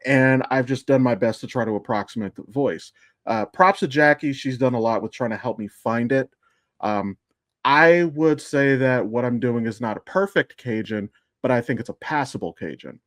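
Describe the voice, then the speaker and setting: In casual podcast chat, a co-host and amateur voice actor rambles through a digressive story as guest or co-host. He has a medium-pitched voice at a moderate pace. The studio-quality recording is dry.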